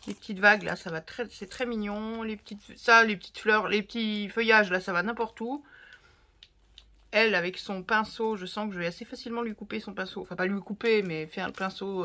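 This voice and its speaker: A French woman showing her craft haul, talking casually to her viewers and reacting to each item. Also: mid-range voice. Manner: chatty and expressive, talks to viewers while unpacking. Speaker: craft vlogger. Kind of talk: casual haul chat to camera.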